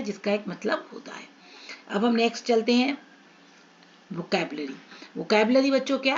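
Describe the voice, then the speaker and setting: A woman's voice: mid-range voice, highs cut off, a little hiss or hum. A woman teaching English to children in an online lesson, asking questions and answering them herself.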